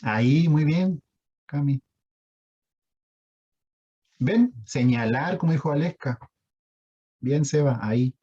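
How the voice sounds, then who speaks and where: A man's voice: on the high side, lively intonation, slow pace, pauses often, mellow, breathy edge, highs cut off. A man with a Chilean accent giving an online lecture on sign language, explaining patiently and putting questions to his audience over a video call.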